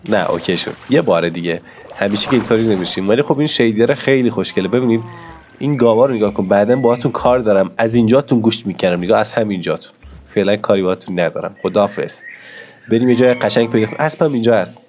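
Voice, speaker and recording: Gaming YouTuber, male, low and a bit hoarse from a cold; excitable, talks straight to viewers. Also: a little hiss or hum. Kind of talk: casual gameplay commentary.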